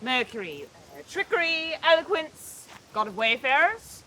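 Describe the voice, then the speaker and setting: A woman's voice: sits high, sing-song, a little slow, pushed and bright, far from the mic, full character voice. An actress playing a headstrong young noblewoman who speaks in a commanding, blunt and impatient way in an outdoor stage play. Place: outdoors on a farm. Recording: noisy outdoor recording from afar.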